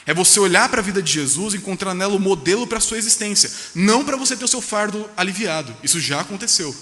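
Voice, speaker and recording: A man preaching, his voice slightly high and bright as he presses through the sermon at a rapid clip. He asks rhetorical questions and drives each point home with emphasis. His words ring out with a long reverb in a church hall. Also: lively intonation. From Brazil. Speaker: pastor. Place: church sanctuary.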